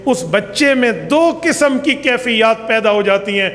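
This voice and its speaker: A man's voice: extremely high pitch, expressive, fairly bright tone. A man giving a sermon as a mufti, telling stories emphatically and acting out dialogue. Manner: emphatic storytelling, acts out dialogue. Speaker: mufti, preacher. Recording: echoey hall with faint background noise.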